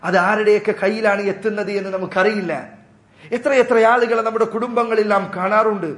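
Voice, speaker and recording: A man's voice: high voice, steady tone, brisk, fairly bright tone, echoey room. A male Islamic preacher giving an earnest, admonishing sermon and addressing his listeners as brothers.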